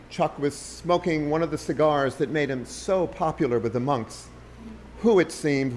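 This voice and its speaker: A man narrating a short story as an audiobook in a measured storytelling manner. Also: fairly high pitch, a little mellow, a little hiss or hum.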